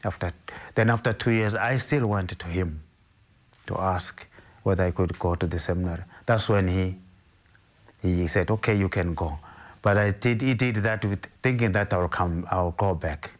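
Recalling his past during an interview, the older Zimbabwean man speaks very low and deep. He is measured and hesitant, moving slowly and carefully and restarting his sentences often.

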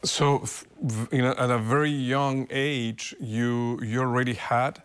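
A man interviewing a bishop, asking polite, formally worded questions with frequent halting restarts. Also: mid-range voice, steady tone, a bit bright, smooth.

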